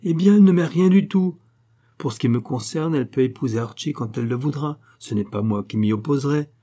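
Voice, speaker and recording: A man voicing a proud young gentleman who speaks in heated, emphatic bursts, in a read-aloud novel. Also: medium pitch, brisk, close to an everyday voice. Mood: indignant. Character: proud young gentleman, hot-tempered and indignant.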